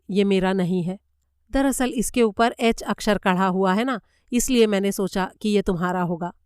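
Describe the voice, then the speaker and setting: A woman's voice: medium pitch, darkish tone, clean tone, dry recording, clean studio sound, close to an everyday voice. A woman voicing a flustered, earnest German lady's maid in a story reading, pleading and insistent in manner. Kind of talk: audiobook character voice.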